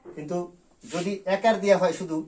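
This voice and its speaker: A male school teacher from Bangladesh giving an online grammar class, repeating key sounds slowly and drilling them. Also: sits high, a little mellow.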